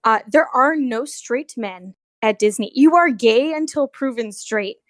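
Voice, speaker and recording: A young woman with a voice on the high side, speaking a little slowly, tells stories about her time as a theme park character performer. She's casual and gossipy, slangy and sweary, saying "like" constantly, recorded in clean studio quality with no room sound.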